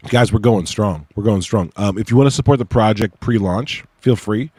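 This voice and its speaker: A man with a low voice, recorded close and dry. He talks like a casual livestream host, informal and a little halting, and his s sounds whistle slightly. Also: darkish tone, breathy edge, dry recording. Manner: informal, slangy, hesitant. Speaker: livestream host presenting own research project. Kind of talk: casual livestream chat with read-aloud case notes.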